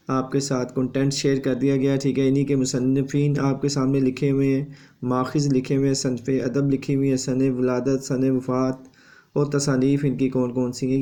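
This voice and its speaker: A man teaches an exam revision lesson. His voice is mellow and dark, and his pitch stays flat as he lectures steadily. He adds a confirming tag after each point.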